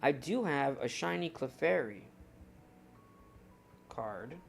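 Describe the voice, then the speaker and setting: A young man with a gravelly, creaky voice talks loosely on a live stream. He rambles and chats to his viewers in a relaxed, off-the-cuff way. A faint hum of noise sits under his voice. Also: mid-range voice, slow pace. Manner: rambling, chatty, talks to chat while browsing. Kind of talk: casual live-stream chat.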